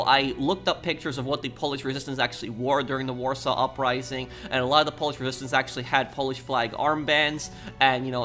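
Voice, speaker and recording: This American man, a native English speaker, has a medium-pitched and somewhat bright voice. He's a gaming YouTuber introducing a playthrough, explaining things in a casual, earnest way.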